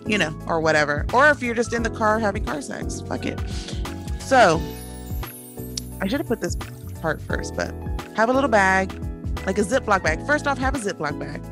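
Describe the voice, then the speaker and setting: A woman's voice: medium pitch, expressive, moderate pace, pauses often, over music. A woman co-hosting a podcast in casual chat, blunt and profane, laughing often. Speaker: podcast co-host.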